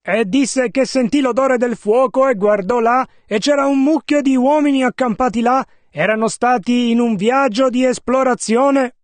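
A man interpreting a sermon line by line in a steady, measured way. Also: very high-pitched, no echo. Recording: dry, close sound.

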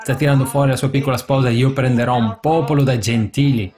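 A man preaching a sermon with fervor, building to excited exclamations. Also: medium pitch, fast talker. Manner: fervent, rising to excited exclamations. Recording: live congregation audible behind. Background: congregation.

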